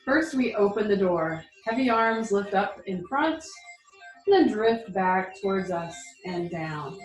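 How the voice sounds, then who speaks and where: A woman teaches a guided movement class with music playing behind her. Her voice sits at a middle pitch and echoes in the room. She gives short, informal cues and reassures as she goes. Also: lively intonation, unhurried. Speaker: tai chi instructor. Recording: roomy echo, music behind.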